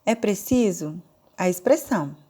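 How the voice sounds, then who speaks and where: A woman with a Brazilian Portuguese accent teaching a recorded online lesson, explaining slowly and step by step. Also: medium pitch, lively intonation, warm tone, breathy edge. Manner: slow, deliberate, explaining step by step. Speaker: sign language teacher.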